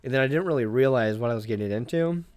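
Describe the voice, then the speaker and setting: A young man, a private chef, chatting casually on a podcast in a relaxed, rambling way full of fillers. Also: mid-range voice, fast talker, clean tone, dry recording. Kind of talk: casual interview chat.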